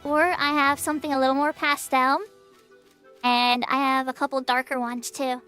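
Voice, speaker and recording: High-pitched cute anime-style woman streamer. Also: little pitch movement, normal speed, sharp tone, soft background music. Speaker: livestreamer. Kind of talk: casual livestream chat while gaming.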